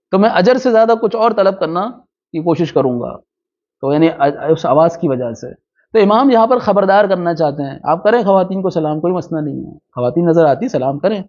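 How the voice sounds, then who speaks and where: A man teaching a religious lesson. He reads Arabic passages slowly, then explains them with quick asides and rhetorical questions. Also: high-pitched, darkish tone. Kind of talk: hadith lecture, reading Arabic text and explaining it. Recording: dull lo-fi recording.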